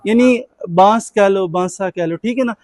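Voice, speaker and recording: A man's voice: sits high, normal speed, darkish tone, no room sound. A man teaching a class, patiently asking his students questions and having them answer back. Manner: patient call-and-response questioning. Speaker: Quran teacher.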